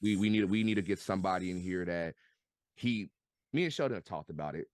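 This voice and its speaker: A man talking sports as a podcast guest, excitable and stammering, repeating words as he gets fired up. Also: low-pitched, fast, dry recording, studio quality. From United States. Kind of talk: animated casual sports chat.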